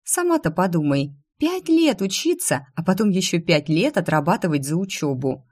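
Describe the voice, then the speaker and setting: A woman's voice: on the low side, sing-song, moderate pace, a little mellow, dry recording, clean studio sound. Woman doing a cheeky young sister, whiny, teasing, dismissive, audiobook.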